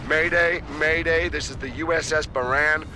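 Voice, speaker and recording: A man's voice: on the high side, steady tone, normal speed, sharp tone, slight background noise. A man voicing a starship officer sending an urgent mayday as a distress call over the ship's radio, in clipped video game voice acting. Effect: distress call over ship radio.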